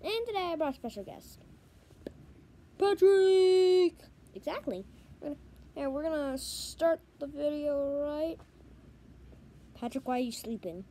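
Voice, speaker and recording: A woman's voice: high-pitched, mellow, slight background noise. A woman hosting a reaction video in a casual, hesitant way, full of fillers.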